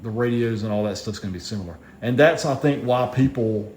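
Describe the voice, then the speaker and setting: A radio hobbyist with a mid-range, slightly mellow voice talks a little fast in a casual product review vlog. He explains the gear in a plainspoken, rambling way. The recording has an echoey room and faint background noise.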